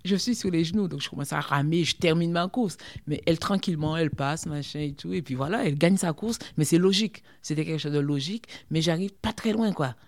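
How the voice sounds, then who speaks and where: A woman's voice: low voice, brisk, few pauses. Chatty woman telling her story. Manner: lively, chatty, full of fillers like hein and quoi. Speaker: former sprinter, interview guest. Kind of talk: storytelling in an interview.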